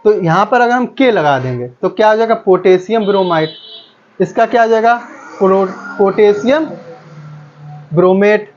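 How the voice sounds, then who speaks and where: Brief: male chemistry teacher, high voice, call-and-response drilling, dull lo-fi sound. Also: lively intonation, moderate pace, slight background noise. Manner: repeats each term back as a quiz question. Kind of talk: classroom lecture with call-and-response questions.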